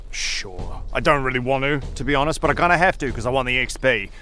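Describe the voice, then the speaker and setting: An actor playing a blunt, unimpressed gamer as an adventurer, speaking casually in a comedy sketch. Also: male voice, medium pitch, quick pace, pushed and bright, slight background noise, lightly acted. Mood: reluctant. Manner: casual, blunt, hedging complaints.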